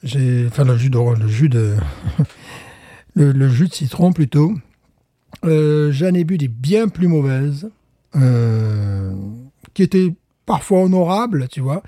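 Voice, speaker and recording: A man's voice: medium pitch, lively intonation, takes it slowly, warm tone, no echo, clean studio sound. A man co-hosting a beer tasting show in casual chat, rambling with fillers and restarts. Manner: rambling, many fillers and restarts, chuckles often.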